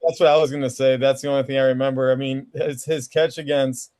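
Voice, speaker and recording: A man's voice: medium pitch, level tone, fast, darkish tone. A man who played on the team, jumping in eagerly to remember a great catch. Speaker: former player. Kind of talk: casual reminiscing.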